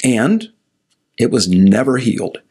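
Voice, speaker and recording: Older guy pastor telling church history, kinda husky, bouncy animated delivery, talks right to you. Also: mid-range voice, takes it slowly. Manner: lively storytelling, asides to the viewer. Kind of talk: scripted history lecture to camera. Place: indoor study with bookshelves. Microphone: studio mic in front of him.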